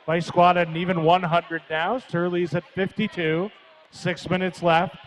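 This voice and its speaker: A man with a high voice calls a live roller derby bout and trades relaxed jokes with his co-host. Faint noise sits behind him. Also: measured pace, rough recording. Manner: easygoing, jokey banter with co-host. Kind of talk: live play-by-play commentary.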